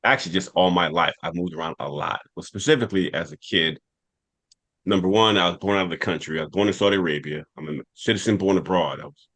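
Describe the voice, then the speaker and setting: Deep-voiced man telling a story. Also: fast, fairly bright tone. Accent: New York. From United States. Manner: rambling personal anecdote. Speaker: podcast host. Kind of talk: casual storytelling.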